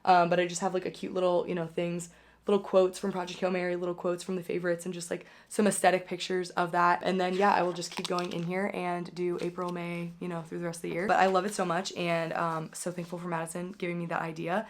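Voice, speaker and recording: A young woman with a hoarse voice, still recovering from being sick, hosting a casual book wrap-up and chatting loosely with lots of filler words. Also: on the low side, completely flat delivery, quick pace. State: hoarse, recovering from losing her voice. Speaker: book channel host. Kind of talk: casual reading wrap-up chat.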